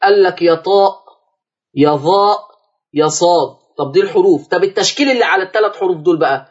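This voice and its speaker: A man with an Egyptian accent teaching Quran recitation on a broadcast lesson, quizzing the listener and then answering himself, and drawing out the recited words slowly to demonstrate. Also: high voice, breathy edge, lo-fi sound. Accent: Egyptian Arabic.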